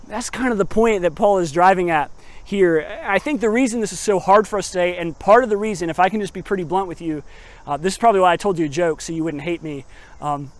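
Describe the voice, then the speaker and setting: A man preaching a casual, conversational sermon, asking rhetorical questions and poking fun at himself. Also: high voice. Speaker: pastor. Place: on location at a chapel.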